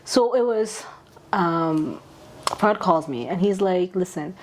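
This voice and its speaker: A woman's voice: fairly low pitch, animated, takes it slowly, a little hiss or hum. A young woman hosting a casual chat, emphatic and enthusiastic, repeating her points for effect. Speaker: podcast host.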